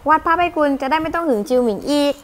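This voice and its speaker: A young woman reading a romance manga aloud and voicing its sharp-tongued heroine, a fake bride, with lively, expressive delivery. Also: high-pitched, very fast. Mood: playful. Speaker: manga reader.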